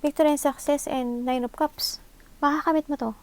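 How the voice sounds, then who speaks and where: High, gravelly Filipino woman reading tarot. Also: steady tone, moderate pace. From Philippines. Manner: thinks aloud, mixes English into Tagalog, asks for agreement with short tag questions. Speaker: tarot reader. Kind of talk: live tarot card reading. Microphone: own microphone.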